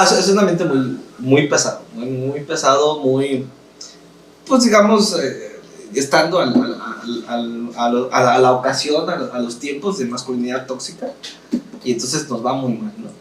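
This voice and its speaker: A young man from Mexico City, speaking with a chilango accent, chats as a podcast guest and rambles through jokes, laughing and tripping over words. His medium-pitched voice is animated, fairly bright, and a bit slow. The recording is echoey and faintly hissy, with him sitting far from the mic.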